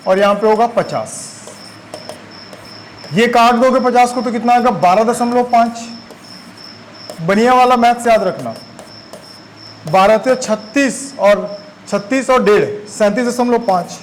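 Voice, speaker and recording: A man's voice: high-pitched, a little hiss or hum, rough recording. A man teaching a physics class, chatty and constantly quizzing his students. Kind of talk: classroom lecture.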